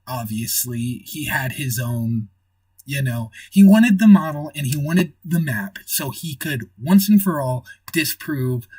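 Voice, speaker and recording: A man's voice: fairly high pitch, breathy edge, dry recording, distant mic. A man hosting a livestream in casual chat, rambling and thinking aloud as he reads the chat. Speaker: livestream host.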